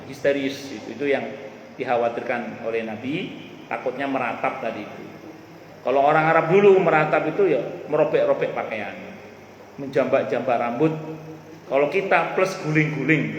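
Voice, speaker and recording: A male preacher, giving a lively religious talk in casual speech to a live audience, repeating his main points. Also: medium pitch. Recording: echoey hall with faint room noise.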